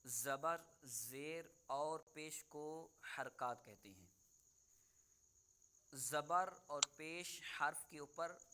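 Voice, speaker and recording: A man teaching Quran reading in an online lesson, patiently explaining and then slowly modelling each sound for the student to repeat. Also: on the high side, pushed and bright, slight background noise.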